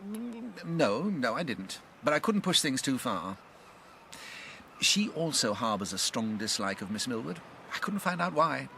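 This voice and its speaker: Casting: kindly, direct English doctor for radio drama, earnest, lively intonation, faint background noise. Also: male voice, mid-range voice, a little slow, vocal fry, full character voice. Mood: defensive. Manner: earnest, plain-spoken. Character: Dr. Watson, a decent, direct, sympathetic male doctor.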